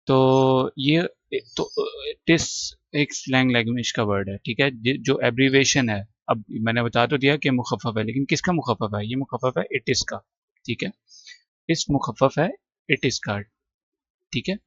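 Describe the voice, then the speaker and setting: A man's voice: medium pitch, normal speed, a bit bright, no echo, muffled recording. A male teacher giving a patient vocabulary lesson, repeating words and drilling their pronunciation. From Pakistan. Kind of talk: classroom lesson explaining vocabulary.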